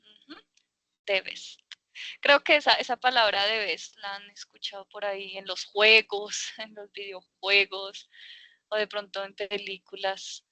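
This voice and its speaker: Lady teaching english over a video call, talks slow, bright tone. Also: mid-range voice, steady tone, no echo. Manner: patient, explains slowly with many fillers. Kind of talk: online class.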